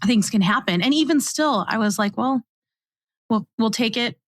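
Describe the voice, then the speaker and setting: A woman's voice: on the high side, animated, moderate pace, dry recording. A woman in her mid-forties, a podcast guest, talking earnestly and encouragingly in casual chat. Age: 40s. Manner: earnest, encouraging, many fillers.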